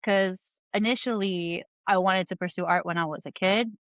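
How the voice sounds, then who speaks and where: A comic book artist in her thirties from New Jersey shares her life story as a guest in a casual conversational podcast interview. She rambles with many fillers and laughs in a mid-range, steady voice at a moderate pace. The recording is dry, with the highs cut off.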